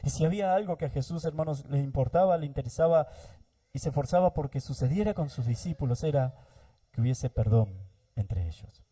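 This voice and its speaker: A man's voice: a little high, expressive, fairly quick, mellow. A man from Argentina preaching a sermon in church, addressing the congregation and saying amen often. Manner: preaching, repeatedly addressing the congregation, frequent amens. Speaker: pastor.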